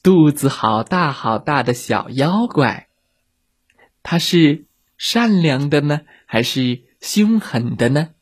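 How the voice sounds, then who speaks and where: Slow, breathy man telling kids' stories. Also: a little high, animated. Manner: gentle, drawn-out storytelling. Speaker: children's storyteller. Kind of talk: scripted narration for children.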